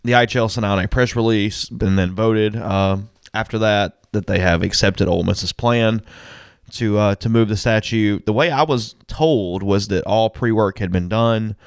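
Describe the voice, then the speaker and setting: Gravelly low-voiced man, halting sports talk. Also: no room sound, clean studio sound. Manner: halting, repeats words, thinks aloud. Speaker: sports talk show co-host. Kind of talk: casual sports radio chat. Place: radio studio.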